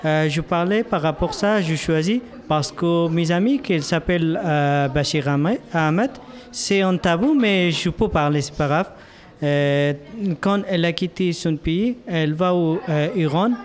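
A man from Afghanistan, answering interview questions in halting learner French, repeating words as he goes. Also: on the high side. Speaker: interviewee, former dental student.

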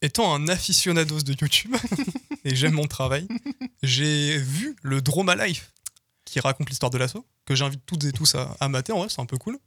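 A man from southern France co-hosting a casual chat, playful and quick with quips. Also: a little high, animated, a bit bright, dry recording, studio quality. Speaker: co-host.

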